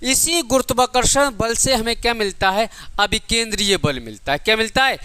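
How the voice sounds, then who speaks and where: This physics teacher speaks in a high register with lively intonation, a sharp tone and normal speed, calling students "child" as he coaches them for exams. He works through derivations, repeats key points and poses questions he answers himself. The audio is clean and echo-free.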